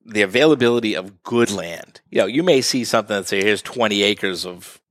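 A man with a lowish voice talks through the housing market in a casual interview. He explains things at length and slips into short acted-out quotes of what buyers and developers say. The sound is dry and close. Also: a little fast, a bit bright, no echo. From northeastern Massachusetts. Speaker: real estate guest.

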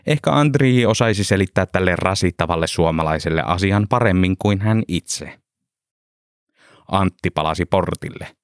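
A man reading a story aloud in calm, measured narration. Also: low voice, clean tone, no room sound, studio quality. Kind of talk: audiobook narration.

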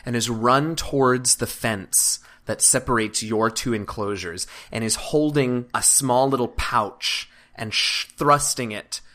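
A woman's voice: a bass voice, a little slow, few pauses, a bit bright. A woman narrating a tabletop role-playing game as game master.

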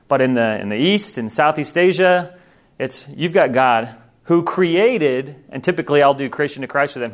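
A man who grew up in Thailand leads a missionary training session in an earnest, conversational way. He often restarts his sentences while he explains his points. His voice sits at an ordinary middle pitch. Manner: earnest, informal, self-correcting.

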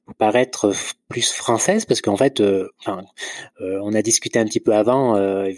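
A man's voice: lowish voice, normal speed, darkish tone, no room sound. A man interviewing a guest, rephrasing his questions as he probes. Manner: probing, restates and rephrases questions. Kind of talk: casual conversational interview.

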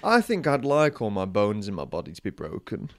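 A man's voice: lowish voice, wildly swooping pitch, brisk. A man co-hosting a comic podcast, trading dry, absurd jokes and laughing often. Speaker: podcast co-host.

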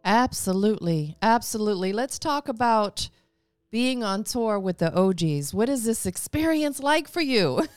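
A woman's voice: mid-range voice, lively intonation, normal speed, a little mellow, smooth, no room sound. A woman in her forties hosting a casual interview, upbeat and affirming, often laughing along with her guest. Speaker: host.

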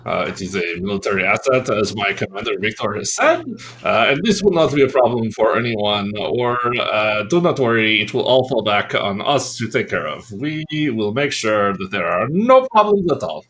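A man's voice: on the low side, expressive, normal speed, fairly bright tone. A man playing a tabletop game, using a mock-formal, pompous in-character voice with frequent uh fillers. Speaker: player. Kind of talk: in-character tabletop role-play.

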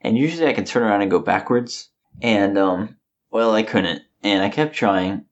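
A man's voice: lowish voice, normal speed, dull audio. A man in his late twenties, chatting casually as podcast co-host, with a slight lisp as he rambles through a story. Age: late 20s. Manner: slight lisp from knocked-out teeth. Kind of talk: casual chat.

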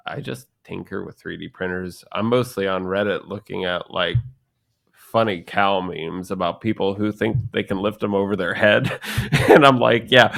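With a lowish, creaky, slightly bright voice, this thirtysomething podcast co-host rambles and jokes through a casual chat. He frequently performs the voices of the people he's quoting.

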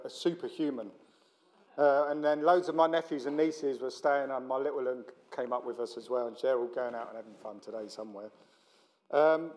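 Man, middle-aged, South London accent, slightly high-pitched voice, informal preaching, chatty, blokey, joking. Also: a little mellow. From South London, England. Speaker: visiting preacher. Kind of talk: informal sermon to a church meeting.

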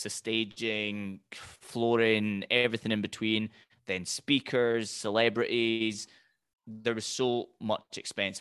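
A man with a Highland Scottish accent tells his own story conversationally, as a guest in an interview. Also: fairly bright tone, clear, resonant tone, no room sound, clean studio sound. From Highlands of Scotland. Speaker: podcast guest, entrepreneur.

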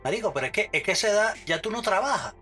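A man's voice: high voice, expressive, rapid-fire, sharp tone, faint music behind. A man co-hosting a comedy podcast, joking crudely with stammering restarts. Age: 30s. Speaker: podcast co-host.

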